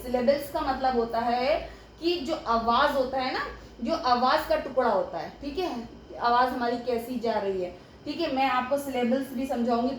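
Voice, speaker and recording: A young woman with a high voice teaches a grammar lesson. She breaks each point into small steps and keeps checking that her students follow. The room is echoey, with a faint hiss behind her. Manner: explains step by step, often checks with "ठीक है". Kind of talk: explaining a lesson at a board.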